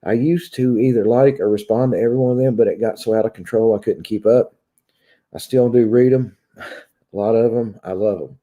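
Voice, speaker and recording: A Kentucky man in his thirties, speaking with a long Southern drawl, chats casually with his online viewers as a YouTube vlogger. His mid-range voice is very dark and mellow at a moderate pace, and he sounds conversational, like he's venting from a small room in his home.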